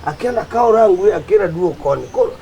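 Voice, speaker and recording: Fast-talking high-voiced Kenyan man. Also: animated, dark tone, lo-fi sound, slight background noise. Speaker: comedian. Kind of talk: comedy sketch.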